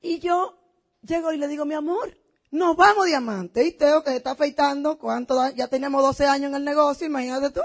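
Emphatic high-voiced woman. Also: steady tone, fast. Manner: emphatic, storytelling. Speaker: business speaker. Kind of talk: motivational testimonial speech.

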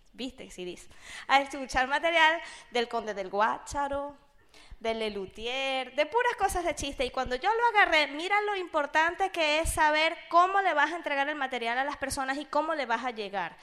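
A woman's voice: high voice, lively intonation, normal speed, sharp tone. A woman in her thirties with a Venezuelan accent, telling a personal business story in a chatty way and acting out what people said. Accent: Venezuelan Spanish. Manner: chatty, acts out quotes, keeps asking "¿sabes?". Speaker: speaker sharing a business testimony. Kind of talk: animated storytelling to an audience.

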